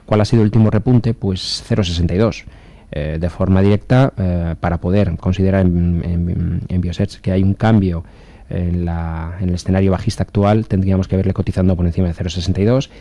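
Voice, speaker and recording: A man's low, mellow voice holds a steady tone, recorded with no room sound. As a market analyst on a radio call-in show, he explains stock charts at length in a measured, technical way, hesitating often and using many fillers.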